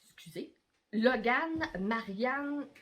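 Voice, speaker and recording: A middle-aged woman with a Québécois accent improvising an Easter story with her daughter in a coaxing, animated way. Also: on the high side, slow pace. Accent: Québécois French. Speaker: mother telling story.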